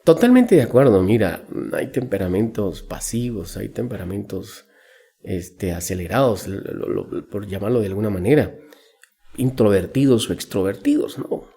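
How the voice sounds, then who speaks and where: Business coach, man, warm mellow tone, very lively delivery. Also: on the low side, normal speed, slightly rough. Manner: animated storyteller acting out quotes. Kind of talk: podcast interview.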